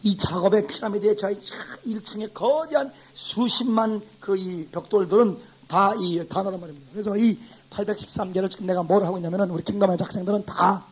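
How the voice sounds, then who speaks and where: A pastor giving an animated classroom lecture, a man who acts out his examples and swings from loud to soft. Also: high voice, a little fast, few pauses, low-quality recording.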